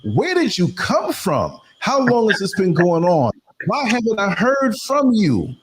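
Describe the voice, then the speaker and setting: A man hosting a casual interview, asking questions in a lively, playful way. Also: high voice, unhurried, slight background noise. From United States. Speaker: podcast host.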